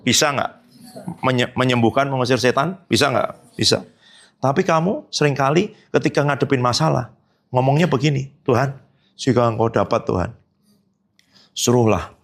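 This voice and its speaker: A man's voice: mid-range voice, a bit bright. A male pastor preaching a sermon, questioning the congregation and reading scripture aloud. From Indonesia. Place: church hall.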